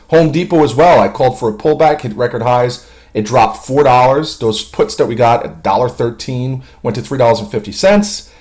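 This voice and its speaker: Male market commentator walking through charts; confident, quick, chatty delivery. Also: mid-range voice, a little mellow. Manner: confident, quick, with frequent uh fillers. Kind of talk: screen-share chart walkthrough.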